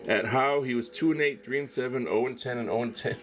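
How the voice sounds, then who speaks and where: The recording is very noisy as this medium-pitched man talks fast on his solo sports show. Rambling and frank, he shares strong opinions, leans on fillers, and habitually caps phrases with "man."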